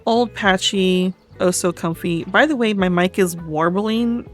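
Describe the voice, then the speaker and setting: A woman giving casual game commentary, her mic glitching so her voice warbles and wobbles in pitch. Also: measured pace, faint music behind. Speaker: gameplay streamer.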